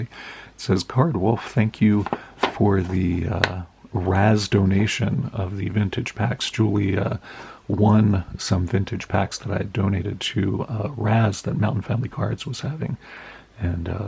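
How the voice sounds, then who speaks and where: A middle-aged American man with a cold and a hoarse, raspy voice, chatting in a rambling, friendly way while opening card packages for his channel. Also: on the low side, background noise. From United States. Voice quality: raspy, gravelly. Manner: rambling, friendly, many uh fillers. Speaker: card collecting vlogger. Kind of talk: casual chat while opening mail.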